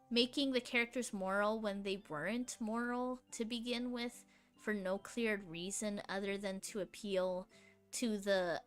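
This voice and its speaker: A woman's voice: medium pitch, fairly bright tone, clear, resonant tone. A young woman vlogger chatting casually in a rambling, giggly, sleepy way.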